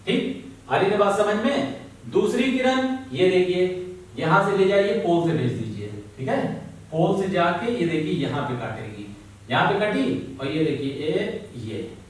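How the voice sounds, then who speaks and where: A man teaching a physics lesson to students, speaking slowly, repeating key words and often checking that they follow. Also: high-pitched, big pitch swings. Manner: slow, repeats key words, keeps asking "ठीक है ना?"; calls students "बेटा". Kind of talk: classroom lesson. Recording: very echoey room, voice from far off.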